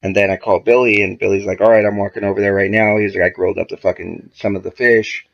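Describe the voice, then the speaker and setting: Man, podcast guest; rough, gravelly low voice; profane, animated storyteller who quotes everyone; dull lo-fi recording. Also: quick pace. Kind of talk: casual storytelling.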